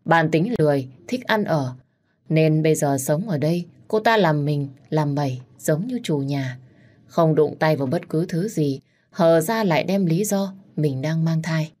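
A woman narrating a family drama story in a steady, even manner. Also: sits low, measured pace.

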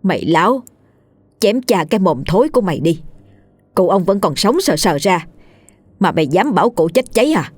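A woman's voice: mid-range voice, sing-song, normal speed, pauses often, darkish tone, no echo. A woman voicing an imperious old lady of a wealthy village household who scolds her servants harshly, in a storybook reading. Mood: scolding.

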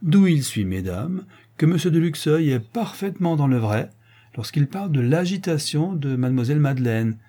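A man reading the part of an eloquent, composed young gentleman host in a storybook reading. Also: a little high, big pitch swings, moderate pace, slightly rough, pitched above the performer's own voice.

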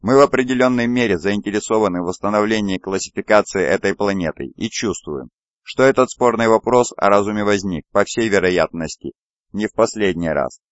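A courteous space navy captain addresses the bench in low, formal tones, read by a male narrator. Dry and slightly dull recording. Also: fairly quick, no room sound, close to an everyday voice.

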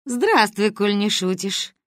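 A commanding old grandmother with a booming, gruff voice and a dry, mocking edge, put on by a woman reading a storybook aloud. Her voice leaps through a wide, lively range, and the recording is close and dry with no room sound. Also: takes it slowly, no room sound. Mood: gruff teasing. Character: stern booming old grandmother, sharp-tongued.

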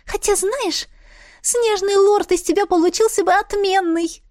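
A woman voicing a tiny, lively female winter spirit in an audiobook, bright and bubbly. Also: unhurried, dry recording, clean studio sound. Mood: teasing. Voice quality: bright, high and ringing. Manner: excited, bubbly. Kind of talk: audiobook character voice.

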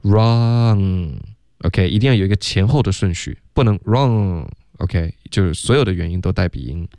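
A man with a fairly low voice runs a radio pronunciation lesson from a studio. He corrects each sound patiently and models it slowly. The sound is close and dry. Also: expressive, vocal fry, darkish tone, no echo. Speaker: English pronunciation teacher.

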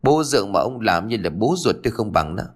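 A man's voice: deep voice, animated, fast talker, husky, exaggerated voice. A man voicing a brash, sneering young thug. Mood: defiant. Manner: shouting, sneering.

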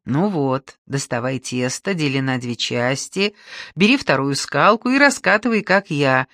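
An audiobook narrator plays an older grandmother who bustles and fusses over the family. Her instructions are kindly, and worry creeps into her voice fast. The recording is dry and close. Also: medium pitch, expressive, a bit bright, dry recording. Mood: instructing. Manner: fussing, instructing, anxious. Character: older grandmother, warm, bustling, easily flustered. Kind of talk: audiobook reading.

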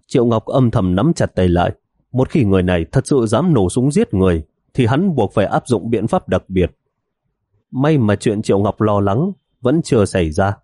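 Low mellow male narrator. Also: expressive, moderate pace, husky, dry recording, clean studio sound. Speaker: audiobook narrator. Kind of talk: scripted novel narration.

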